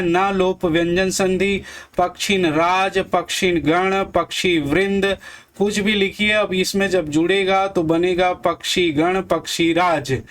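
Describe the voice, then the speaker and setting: A man teaching Hindi grammar for exam prep, slowly repeating each word and quizzing his viewers. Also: high voice, fairly bright tone.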